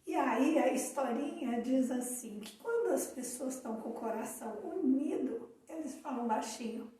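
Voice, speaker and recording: Co-hosting a live talk on emotional awareness, a Brazilian woman with a Brazilian Portuguese accent speaks at a moderate pace in a high but mellow voice. She reflects calmly and shares a small anecdote, sitting far from the mic in a room with strong echo.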